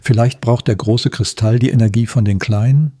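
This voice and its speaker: A curious, cheerful little cloud boy from a children's storybook, read by a man. He sounds eager and friendly in a mellow, dark tone. The voice is close and dry. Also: mid-range voice, fairly even intonation, normal speed, dry recording, lightly acted.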